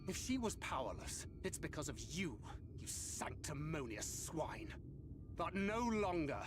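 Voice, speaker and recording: An actor playing an earnest, defiant young hero in a fantasy video game. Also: male voice, a little high, big pitch swings, a little slow, over music. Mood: righteous anger. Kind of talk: video game cutscene acting.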